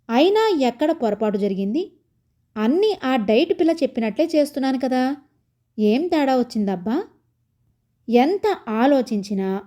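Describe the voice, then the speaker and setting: A woman with a fairly high, mellow voice narrates a comic household story in the first person. Her delivery is lively and chatty, with plenty of playful humor.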